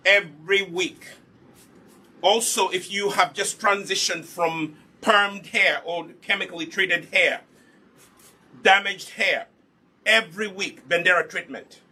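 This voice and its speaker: Speaking slowly in a high, sharp and husky voice, this Ugandan hair care instructor and product maker walks viewers through a live online demonstration. He is patient and instructive, asking himself questions and answering them as he goes.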